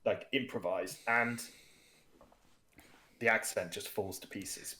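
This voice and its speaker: Low-pitched guy chatting about tabletop games, lots of restarts. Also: slow, sharp tone. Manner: chatty, restarts often, acts out player quotes. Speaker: podcast co-host.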